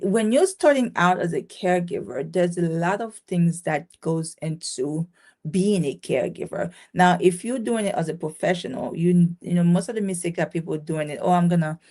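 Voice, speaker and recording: Her voice is on the low side, creaky and dark, at normal speed. She is a Haiti-born owner of a caregiving business, a chatty interview guest who restarts often, uses plenty of fillers and laughs easily.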